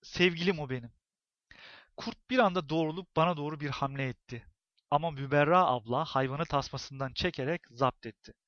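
A man narrating a novel as an audiobook, in expressive, tense storytelling. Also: a little high, brisk, no room sound, highs cut off.

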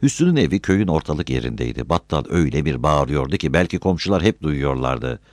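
Deep-voiced male storyteller. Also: big pitch swings, a little fast, darkish tone, no room sound, studio quality. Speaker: audiobook narrator. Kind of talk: scripted narration.

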